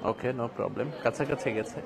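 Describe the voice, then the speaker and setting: A man's voice: mid-range voice, moderate pace, creaky. Man teaching a class, joking. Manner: explains by asking and answering his own questions, joking. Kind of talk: classroom lecture.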